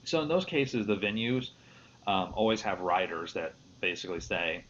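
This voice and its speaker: Midwestern man, host of a live panel stream, lowish voice, easygoing and rambling, muffled lo-fi audio. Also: normal speed, a bit bright. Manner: easygoing, rambling with frequent restarts. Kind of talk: casual livestream panel chat. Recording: lo-fi stream audio with faint hiss.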